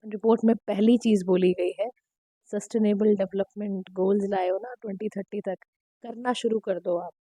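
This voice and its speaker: Woman, slightly hoarse, exam-prep lecture, direct and instructive, mellow, dry. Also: mid-range voice, fairly even intonation, moderate pace, no echo. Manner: direct, instructive, mixing Hindi and English. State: slightly hoarse throat, clearing it. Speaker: current affairs teacher.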